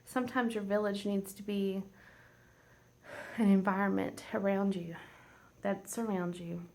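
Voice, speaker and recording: Teary, gravelly-voiced woman vlogger. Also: mid-range voice, fairly even intonation, unhurried. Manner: rambling, heartfelt, drops to soft near-whispers. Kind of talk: casual chat. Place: home.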